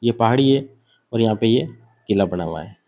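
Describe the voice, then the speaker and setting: A man's voice: on the low side, animated, normal speed, narrow, tinny audio. A man giving an exam-prep lecture, asking questions and answering them himself while he sketches on a board. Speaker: teacher.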